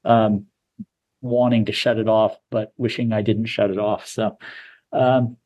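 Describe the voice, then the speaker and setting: An older man hosting an interview, measured and attentive, asking questions and adding short affirmations. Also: fairly low pitch, level tone, a little mellow. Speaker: podcast host.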